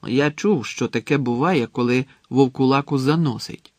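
A man voicing an easygoing teenage schoolboy in an audiobook, offhand and blunt, with a gravelly, husky voice. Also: medium pitch, moderate pace, no echo, natural voice. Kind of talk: audiobook character reading.

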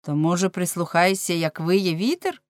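A woman's voice: lowish voice, normal speed, no room sound, clean studio sound, close to an everyday voice. A woman reading the part of a bold, teasing young man in an audiobook, in a forthright manner.

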